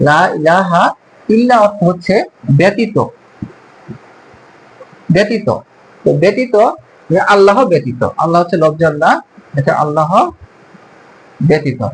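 A man giving an Arabic pronunciation lesson, explaining calmly and drawing out each syllable as he models the sounds. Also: high-pitched, rough recording. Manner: slow, careful, drawn-out syllables when modelling sounds. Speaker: Arabic teacher.

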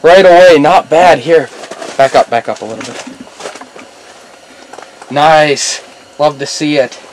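A man's voice: fairly high pitch, slow, a little hiss or hum. A young man hosting a casual fishing vlog, upbeat and coaching his cousin with short repeated cheers, recorded on an action camera inside a small ice shelter. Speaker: outdoors channel host.

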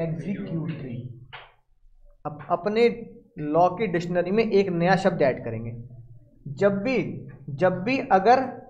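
An Indian man giving a casual, playful law lecture, often asking his students questions. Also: high-pitched. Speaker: law teacher. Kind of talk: classroom lecture. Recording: slightly dull lecture recording.

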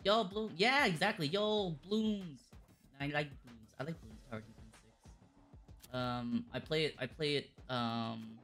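A woman chatting casually on a game livestream in a giggly, easily excited manner. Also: sits low, a little slow, soft background music. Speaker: livestreamer playing a shooter game.

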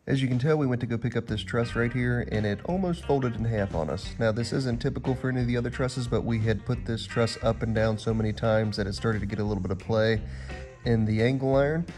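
A man in his thirties, outdoors at a building site, casually explaining the work he is doing, relaxed and thinking aloud. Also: medium pitch, fast talker, soft background music. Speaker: DIY barn builder.

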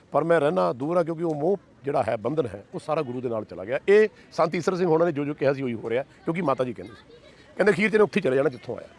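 A man's voice: mid-range voice, darkish tone. A middle-aged man giving an emotional personal testimony to an interviewer, fervent and devotional, piling up repeated phrases. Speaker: interview guest.

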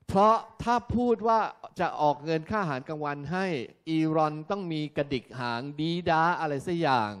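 A man teaching a class, explaining slowly and often checking that his students are keeping up. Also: fairly high pitch, clear, resonant tone. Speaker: English teacher. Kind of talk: classroom lesson.

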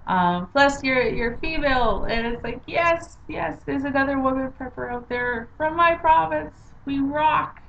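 A woman's voice: lowish voice, fairly bright tone, muffled recording. A woman from Saskatchewan chatting casually to her channel as a vlogger, upbeat and rambling with fillers. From Saskatchewan, Canada. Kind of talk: casual chat to camera.

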